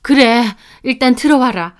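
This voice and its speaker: Woman doing a worried, fussy older mother-in-law, slow and pitched high. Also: expressive, smooth.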